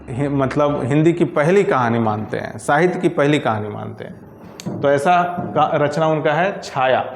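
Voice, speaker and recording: A man with a fairly high voice teaches Hindi grammar, working through each exam question step by step. He says every correct option aloud in a methodical way. The recording carries a noticeable room echo.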